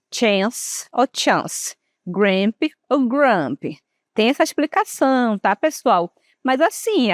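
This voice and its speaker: A woman English teacher with a Brazilian accent, giving a classroom lesson and slowly drawing out words for students to repeat. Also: fairly high pitch, no room sound, clean studio sound. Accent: Brazilian Portuguese. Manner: slow, drawn-out modelling of words for students to repeat.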